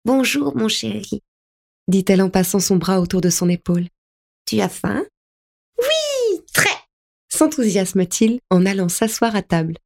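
A woman narrating a first-person audiobook in a soft, tender, melancholy way. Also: mid-range voice.

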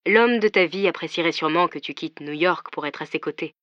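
A woman voicing a tender, confident man who courts his partner by phone, hushed and soft in an audiobook reading. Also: on the low side, fairly quick, no room sound, dull audio, natural voice.

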